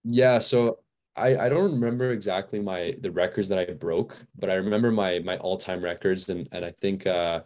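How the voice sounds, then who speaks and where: A young man with a very low, deep voice, chatting as a podcast guest. He rambles easily with lots of "like" and "uh," a touch worn out from training. Relaxed and unscripted. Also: normal speed. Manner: rambling, many fillers and restarts. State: a little fatigued. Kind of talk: casual interview chat.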